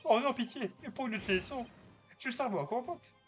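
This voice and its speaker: A woman's voice: fairly high pitch, a little fast, faint music behind, pitched above the performer's own voice, close to an everyday voice. Woman doing a whiny sleepy servant. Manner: whining, pleading. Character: sleepy, dim-witted whiny male servant.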